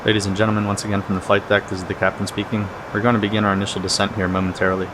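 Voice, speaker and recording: A man's voice: lowish voice, racing. A man serving as airline captain, speaking over a cockpit headset mic, giving callouts and a cabin announcement in a routine, matter-of-fact delivery. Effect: pilot speaking over cockpit headset mic. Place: airliner flight deck. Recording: steady cockpit engine and air noise.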